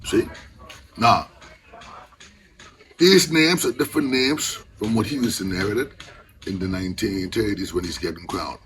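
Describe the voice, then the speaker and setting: A man's voice: fairly low pitch, a little slow, pauses often, fairly bright tone, slight background noise, rough recording. Caribbean elder man in Rasta speech. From the Bahamas. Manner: Rasta speech, with patois phrasing and I-and-I idiom. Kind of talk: impassioned informal reasoning.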